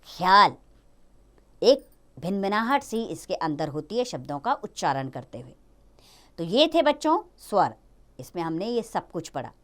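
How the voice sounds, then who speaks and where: A woman teaching a grammar lesson to children, drawing out each letter and example word slowly. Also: on the low side. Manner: slow, drawn-out teaching of each letter and sound.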